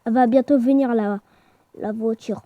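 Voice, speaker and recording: Bossy, chatty young woman gaming, high voice. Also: steady tone, normal speed, dry recording, muffled recording. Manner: chatty and bossy, breaks into shrieks and teasing. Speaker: gamer playing with her brother. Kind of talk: casual gaming chat.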